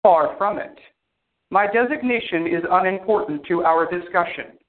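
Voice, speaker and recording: A man's voice: high voice, moderate pace, natural voice. A man voicing a cold, formal male artificial intelligence that speaks precisely and without emotion. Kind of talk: audio drama acting. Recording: tinny phone-like sound.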